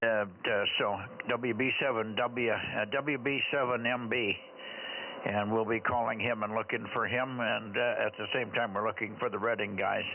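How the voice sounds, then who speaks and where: A man's voice: fairly low pitch, fairly even intonation, moderate pace. A man running an amateur radio net, talking casually as net controller and using radio call-sign phonetics. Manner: spells out call signs in phonetics. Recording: narrowband, very noisy two-way radio audio.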